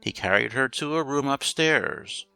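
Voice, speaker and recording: In a scripted fairy-tale narration, a man reads with a measured, expressive storytelling style. His medium-pitched voice is bright with noticeable fry, and the roomy, echoing space carries light music behind him.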